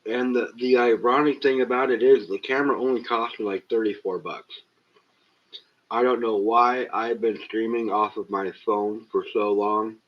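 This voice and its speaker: A man's voice: medium pitch, flat delivery, moderate pace, hardly any pauses, dull audio. Cussing streamer man on a cheap webcam mic. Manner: profane, exasperated, talks straight to chat. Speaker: livestream host. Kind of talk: casual live-stream chat with viewers. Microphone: cheap webcam built-in mic.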